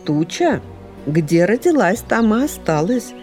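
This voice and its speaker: Kindly granny fox, read by a woman; gentle, calm, unhurried storybook voice. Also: mid-range voice, faint music behind, pitched above the performer's own voice.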